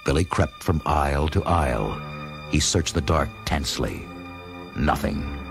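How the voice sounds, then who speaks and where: A man with an extremely low, gravelly voice narrates a children's read-along adventure, animated and a little slow, in a dramatic, theatrical scripted style. Loud music and effects play behind his narration.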